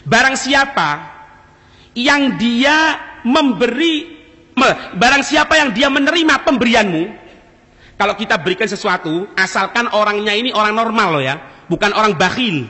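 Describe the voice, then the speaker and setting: A man's voice: extremely high pitch, lively intonation, moderate pace, sharp tone. A man preaching a mosque sermon who quotes Arabic, explains it, repeats key phrases and speaks straight to his listeners. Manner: addresses listeners directly. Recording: echoey mosque hall.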